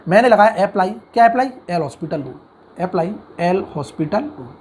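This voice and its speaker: In an online engineering mathematics lecture, a man briskly coaxes his class with constant questions, answering them himself and acting out imagined student objections. His voice sits high, a little mellow, with lively intonation, and there's slight background noise.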